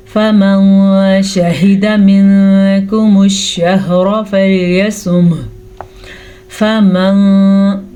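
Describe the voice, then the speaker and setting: Woman teaching quran tajweed, takes her time, explains every rule and corrects mistakes, slow drawn-out recitation. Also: mid-range voice, warm tone. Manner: patient, explains each rule step by step, corrects common mistakes; draws out recited verses very slowly.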